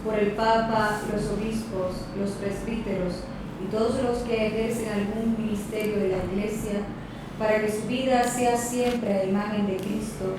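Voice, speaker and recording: A woman reading the prayers of the faithful at Mass in a slow, measured liturgical style. Her voice carries a heavy church echo from afar. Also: mid-range voice, steady tone, noisy background. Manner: slow, measured intoning with set refrains. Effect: heavy church echo, heard from afar. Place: large church. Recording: reverberant church from far off, guitar behind.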